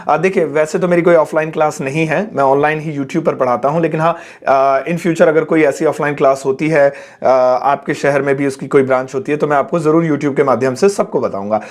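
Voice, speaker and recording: A man's voice: a little high, a little fast, few pauses. A male English teacher reading out viewers' questions and explaining the answers patiently with everyday examples. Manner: reads each comment aloud, then explains it patiently with everyday examples.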